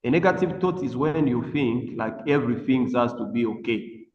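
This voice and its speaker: A man, a psychiatrist and dermatologist, talking on a video call in a halting way, with many restarts and fillers. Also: mid-range voice, lively intonation, darkish tone, slight background noise. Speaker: psychiatrist and dermatologist, webinar speaker. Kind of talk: unscripted talk on a video call. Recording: muffled, roomy, long echo.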